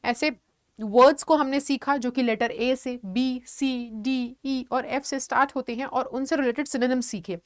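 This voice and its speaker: A young woman teaches a vocabulary class in a patient, encouraging tone, often checking that her students follow. Her voice sits fairly high. The recording is dry and close, with no room sound. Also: steady tone, normal speed, no echo. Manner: explains patiently, addresses students as "beta", frequent "theek hai" check-ins. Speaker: online teacher.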